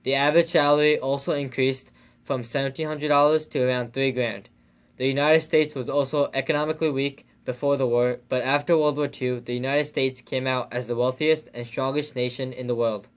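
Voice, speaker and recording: A man reads scripted narration aloud. His voice is average in pitch and his delivery is plain and report-like. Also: fairly even intonation, fairly quick.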